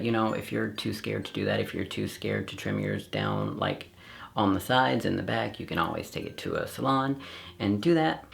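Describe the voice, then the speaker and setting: A man's voice: on the low side, gravelly, fairly bright tone. A man chatting casually through a product review, self-deprecating and rambling with fillers. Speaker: vlogger reviewing hair systems.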